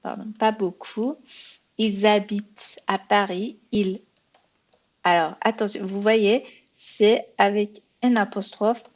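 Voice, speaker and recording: A woman's voice: medium pitch, darkish tone, lo-fi sound. A woman teaching a beginner language lesson, patient and thinking aloud as she explains, sometimes correcting herself. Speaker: French teacher.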